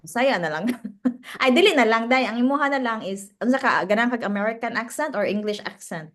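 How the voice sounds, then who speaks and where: A woman's voice: a little high, animated, brisk, a bit bright. A woman with a Cebuano accent co-hosting a podcast, chatting casually, mixing English and Cebuano and laughing often. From Cebu, Philippines. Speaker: podcast co-host. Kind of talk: casual chat.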